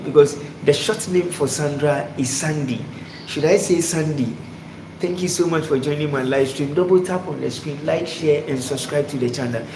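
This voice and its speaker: A man from Ghana hosting a casual sports live stream, greeting viewers by name and asking them questions. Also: fairly high pitch. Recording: echoey room with loud background noise.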